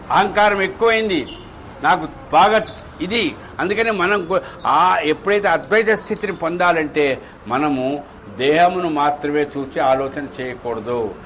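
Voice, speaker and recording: A high-voiced man delivers a devotional sermon, acting out dialogue and firing rhetorical questions at his listeners. His recording carries a faint hum of background ambience. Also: fairly bright tone, low-quality recording. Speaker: spiritual speaker. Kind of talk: devotional discourse to a gathering. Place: devotional hall.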